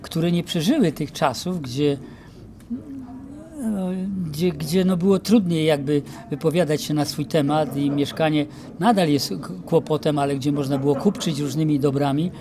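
A man in his sixties, an actor, being interviewed in an outdoor courtyard into a handheld mic, reminiscing with many pauses and fillers. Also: fairly high pitch, fairly even intonation, warm tone. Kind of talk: casual interview. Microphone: handheld mic held by interviewer.

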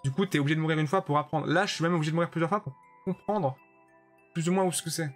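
Male streamer, blunt and talkative, slightly higher pitch, soft game music underneath. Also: rapid-fire. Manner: chatty, judges viewer levels bluntly, answers chat by name. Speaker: streamer playing a level-making platform game. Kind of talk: casual live-stream commentary to chat.

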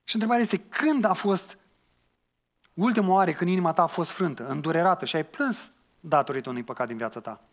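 A man's voice: sits high, fairly bright tone. A man preaching a sermon, earnestly putting questions to his listeners and mixing in colloquial asides. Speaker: pastor.

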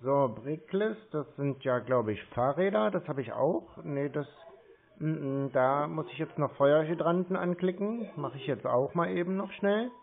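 A man's voice: a little high, lively intonation, unhurried, creaky. Agreeable man on a tinny phone line. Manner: agreeable, rambling, narrates his steps. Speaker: call recipient stringing along the caller. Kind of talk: casual phone conversation.

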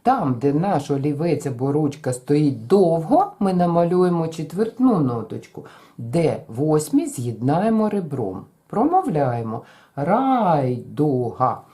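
A woman's voice: low-pitched, sing-song, measured pace, dark tone. A woman music teacher giving a children's lesson, patiently chanting words syllable by syllable. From Ukraine.

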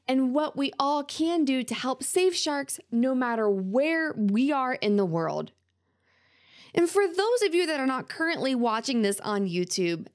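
A woman's voice: high-pitched, no echo. A young woman hosting a podcast interview, asking questions in an upbeat, enthusiastic way into a studio mic. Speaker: podcast host. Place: small room at home, video call. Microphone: studio mic on boom arm with headphones.

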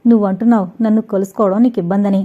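A woman's voice: medium pitch, steady tone, rapid-fire, close to an everyday voice. A woman voicing a fearless, teasing young man in an audio novel, in a playful, self-assured manner, on dull lo-fi audio. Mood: confident.

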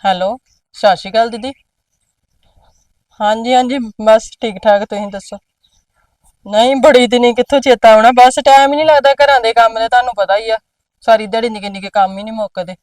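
A woman plays a domineering, scheming mother who scolds sharply and bosses the people around her. Her voice is high for a woman. It is recorded dry, with no room echo, and picked up from a little way off the mic. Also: fairly even intonation, brisk, long pauses, a little mellow, recorded from a distance, lightly acted. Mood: sweet-talking. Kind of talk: amateur drama acting.

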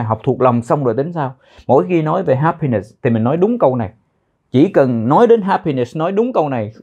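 A male teacher talks through a lesson at an even pitch. He slows down to repeat short phrases several times and breaks words into their sounds. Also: slightly rough. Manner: repeats phrases slowly, drills pronunciation. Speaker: English teacher. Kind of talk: explaining English phrases in a lesson.

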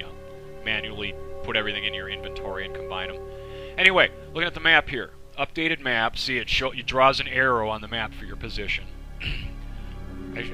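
A let's play commentator with a lowish voice rambles over a video game, casual and profane, while his voice gives out. Game music plays underneath, and the recording quality is low.

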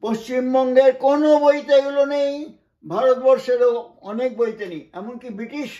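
A man's voice: very high-pitched, steady tone, moderate pace, dark tone, reverberant, highs cut off. A man from West Bengal teaching English pronunciation, patiently explaining word by word with frequent asides. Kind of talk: spoken classroom lesson.

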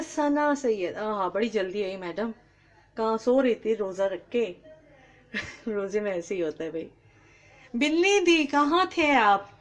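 Cooking live in her home kitchen, a woman with a fairly high voice talks with her viewers and greets them by name. The recording is low quality.

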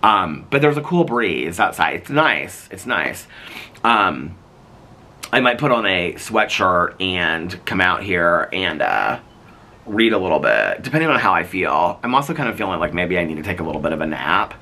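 Out on a porch, a man in his fifties with a Midwestern accent chats to camera in a rambling way, stumbling through fillers and restarts. His low, crackly voice, going hoarse, swings widely in pitch at a normal speed and keeps a bright, forceful tone.

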